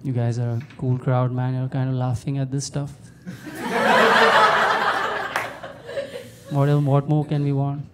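A young man, talking into a handheld mic on a small comedy club stage. His delivery is conversational and very animated, and he slips into the voices of the people he quotes. Loud audience laughter sits in the background of this live club recording. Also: medium pitch, slow, pauses often, noisy background. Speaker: stand-up comedian. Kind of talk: stand-up comedy set.

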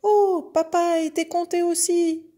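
A woman's voice: moderate pace, dark tone. A woman voicing a small, easily upset young male calf in a storybook reading. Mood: whiny. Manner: high, whiny exclamations.

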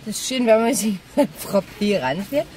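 A vlogger talks casually and loosely while recording an informal vlog inside a small car, using a dashboard camera at arm's length. Her mid-range voice is very animated at a moderate pace, and loud car noise fills the recording.

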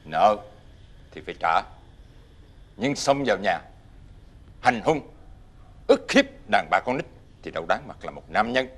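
A stern noble elder. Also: male voice, fairly low pitch, sing-song, measured pace, long pauses, fairly bright tone, slightly rough, exaggerated voice. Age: older. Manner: dignified, stern, lecturing, uses archaic "ta/ngươi". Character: righteous, wealthy, chivalrous old gentleman.

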